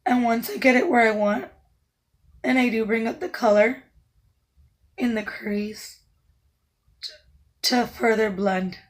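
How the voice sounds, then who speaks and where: Here a woman demonstrates makeup step by step, her raspy voice worn hoarse and breaking in and out. She speaks slowly and pauses often, calm and instructive, murmuring small asides while working, her pitch on the higher side.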